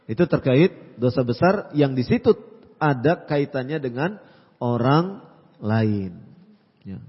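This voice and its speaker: A man preaching and answering listeners' questions, giving calm advice and repeating his phrases with a frequent "ya". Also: medium pitch, takes it slowly, husky, in a large hall, dull audio. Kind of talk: religious Q&A lecture.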